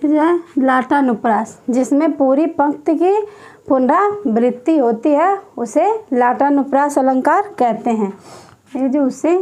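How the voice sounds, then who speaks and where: A young woman teaching an exam-prep Hindi grammar lesson, repeating each phrase slowly as if dictating while she writes. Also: high voice, a little mellow.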